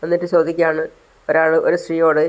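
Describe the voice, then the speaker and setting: A man's voice: fairly high pitch, monotone, fast, low-quality recording. A man telling a family drama story in a casual spoken way, saying the characters' lines himself without much change of voice.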